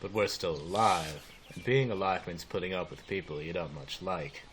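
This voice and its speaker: An actor playing a sly, smooth-talking male rogue in a video game, with ornate, mocking speech. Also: low-pitched, normal speed, fairly bright tone.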